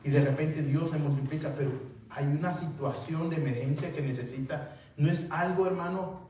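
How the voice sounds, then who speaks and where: A man preaching in a loose, chatty way, often turning to his listeners as brothers and playing out small back-and-forth scenes. His voice sits a little high and comes from well off the mic, in a very echoey hall with faint room noise behind it. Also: moderate pace, warm tone, far from the mic. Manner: keeps addressing listeners as "hermano", acts out dialogues. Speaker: pastor. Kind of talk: conversational sermon.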